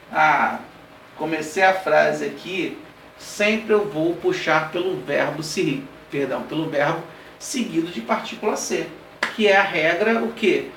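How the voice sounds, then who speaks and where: A man's voice: fairly high pitch, a bit bright. Brazilian-Portuguese-speaking male teacher, echoey room. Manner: explains step by step, checks in often with "tá?" and "ok?"; spells out examples slowly, word by word. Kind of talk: exam-prep grammar lesson. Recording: roomy classroom sound, heard from a distance, light background noise.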